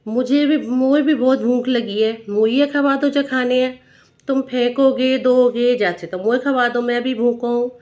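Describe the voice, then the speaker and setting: Woman voicing a young cowherd boy, Braj accent, hungry, pleading, coaxing, fairly high voice. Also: fairly even intonation, measured pace, darkish tone, highs cut off, lightly acted.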